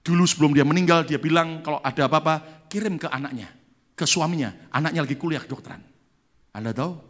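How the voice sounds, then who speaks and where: A man's voice: a little high, fast. A male pastor preaching a sermon, telling a story and acting out the people in it. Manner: lively storyteller who acts out the people in his story. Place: church.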